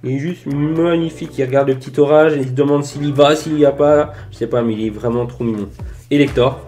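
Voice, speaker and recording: A man's voice: medium pitch, fairly even intonation, a little fast, warm tone, soft background music. A man in a casual collector vlog, filmed indoors under lamps with a desk mic, showing flea-market finds enthusiastically with lots of fillers. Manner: enthusiastic, many fillers and "voilà". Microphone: desk microphone near camera.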